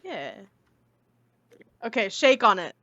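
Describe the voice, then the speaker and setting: A woman's voice: fairly high pitch, sing-song, slow pace, pushed and bright, dry recording, dull audio. A woman player doing casual in-character role-play in an easygoing, playful way.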